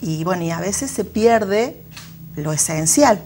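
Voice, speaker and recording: A woman's voice: mid-range voice, lively intonation, slow pace, darkish tone, a little hiss or hum. A woman with an Argentine accent, a school director, giving thoughtful interview answers full of fillers and restarts. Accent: Argentine Spanish.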